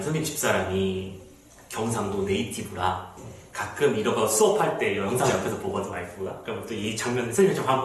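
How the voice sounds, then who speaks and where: A middle-aged man teaching a literature lecture to students, chatty and lively, reading passages aloud and acting out the characters. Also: fairly low pitch. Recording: very echoey room, mic off at a distance, faint noise.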